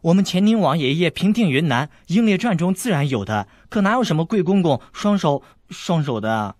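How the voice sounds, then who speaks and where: A man's voice: on the high side, sing-song, normal speed, no room sound, clean studio sound, voice pushed up. A man voicing a naive, innocent young noble girl who speaks earnestly, in a raised voice.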